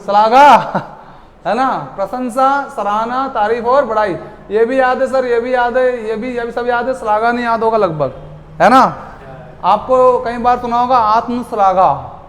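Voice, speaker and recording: A man with a very high-pitched voice teaches a class and keeps firing questions at the students before answering them himself. His voice rings out with a long echo, as if in a large hall. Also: unhurried, fairly bright tone. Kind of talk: classroom lecture.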